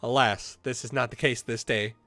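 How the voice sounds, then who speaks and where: A man's voice: medium pitch, steady tone, moderate pace, a bit bright, no room sound, soft background music, close to an everyday voice. A man reading the lines of a formal, courteous guild officer from a fantasy game in his own voice, with archaic diction. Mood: earnest.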